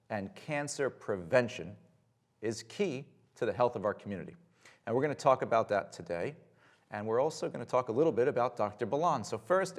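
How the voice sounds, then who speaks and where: A man hosting a public television health interview, opening his lines with energetic emphasis. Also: on the low side, creaky. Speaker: host.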